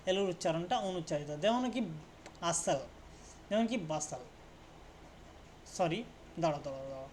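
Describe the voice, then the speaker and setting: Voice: mid-range voice, animated, darkish tone, a little hiss or hum. A teacher giving an English pronunciation lesson, repeating words and asking "right?" after nearly every point, sometimes stopping to correct a slip. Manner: repetitive, checks understanding with frequent questions; self-correcting, pauses to fix mistakes. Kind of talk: classroom lesson explaining spelling rules.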